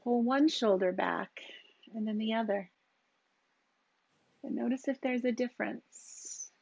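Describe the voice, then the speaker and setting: A woman teaching a yoga class, giving calm and gentle cues for breath and posture with long pauses. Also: fairly high pitch, vocal fry, no room sound, lo-fi sound. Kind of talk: guided yoga and meditation instruction.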